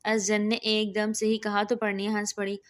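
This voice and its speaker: A woman narrating a romance novel in a steady, even reading style. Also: mid-range voice.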